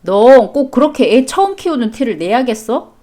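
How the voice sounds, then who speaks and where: A woman's voice: a little high, sing-song, normal speed, mellow. A woman doing a sulky, defensive young husband.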